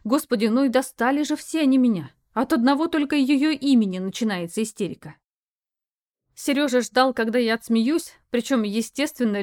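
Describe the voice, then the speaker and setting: A woman reading a first-person story aloud with a wry, expressive delivery. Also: on the high side, no room sound, clean studio sound. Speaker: audiobook narrator. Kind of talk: first-person audiobook narration.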